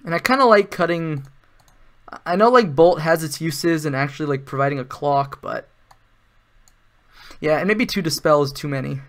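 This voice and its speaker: A man's voice: a little high, normal speed, pauses often, a bit bright. A man giving casual live-stream commentary while playing an online card game, thinking aloud, with sarcastic asides.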